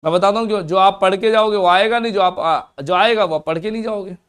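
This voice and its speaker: A man teaching accounts in a fast classroom lecture, asking and answering his own questions. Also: sits high, fairly bright tone, smooth.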